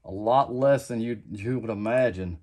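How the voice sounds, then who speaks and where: A middle-aged custom lure maker gives a casual how-to demonstration at his home workbench, speaking at a moderate pace in a fairly low voice. He's relaxed and plain-spoken, rambling and often repeating himself with "like I said."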